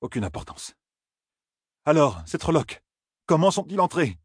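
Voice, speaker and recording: A man's voice: a little high, very animated, normal speed, slightly rough, no room sound, studio quality, voice pushed up. Man doing Rand, a desperate young man. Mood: weary. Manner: desperate, strained, shouting at times. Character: distraught young man wielding great power.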